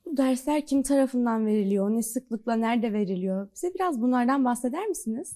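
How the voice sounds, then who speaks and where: A woman's voice: on the high side, lively intonation, fairly quick, dark tone. A woman hosting the program, asking her guests polite, curious questions. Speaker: program host. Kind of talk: interview questions.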